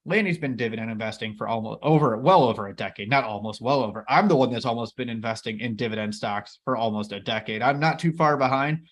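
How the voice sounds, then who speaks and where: Thirties guy co-hosting, upbeat, jokey, kinda rambly, medium pitch. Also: fast talker, few pauses, a bit bright. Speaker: co-host of a dividend investing channel. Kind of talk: casual chat.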